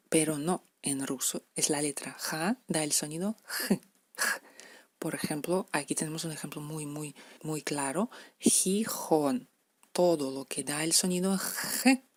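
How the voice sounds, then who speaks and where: A female language teacher shows beginners how to pronounce letters, patiently repeating each example word. Her voice sits low and unhurried, and the recording is dry.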